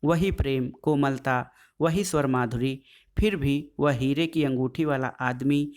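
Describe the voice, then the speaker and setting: Guy reading a story out loud, first person, calm and steady, mid-pitched voice. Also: unhurried. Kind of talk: scripted narration of a short story.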